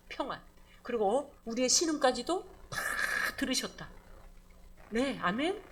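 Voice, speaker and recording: A woman pastor preaching a midweek church sermon, lively and conversational, calling out for amens and acting out voices. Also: on the high side. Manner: animated preaching, calls for amen, acts out scolding voices.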